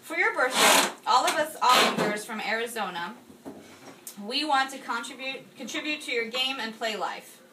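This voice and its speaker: Reading her birthday toast aloud, this woman has a high voice with lively intonation and a moderate pace, and she tosses in casual asides. The setting is a noisy kitchen house party, filmed on a handheld phone a few feet away.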